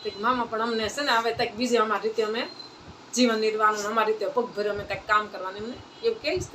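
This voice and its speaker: A woman's voice: on the high side, pushed and bright. A woman telling a saint's life story at a satsang, in a plain folk manner that repeats phrases. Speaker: devotional storyteller. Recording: distant mic, faint ambient noise.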